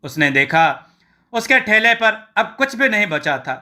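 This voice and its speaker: A man reading a scripted story in a steady, plain way and voicing every character himself. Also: high-pitched, a little slow.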